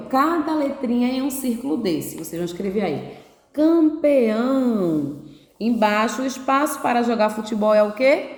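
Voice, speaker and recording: A woman teacher speaks to young children in a fairly high voice, patient and encouraging as she sounds out syllables one by one and keeps checking that they follow. The recording rings with the long reverb of a bare, echoey room. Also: darkish tone. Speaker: primary school teacher. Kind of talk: remote class explanation for young children.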